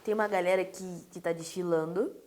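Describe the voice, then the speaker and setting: A woman hosting a casual chat, telling animated stories. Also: fairly quick. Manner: animated storyteller, mimics people with loud high voices. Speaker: host.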